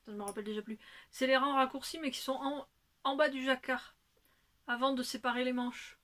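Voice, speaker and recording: A woman's voice: sits high, steady tone, fairly quick, sharp tone. A woman hosting a knitting video podcast, talking casually and rambling with many hesitations. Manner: rambling, chatty, full of hesitations. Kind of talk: casual chat.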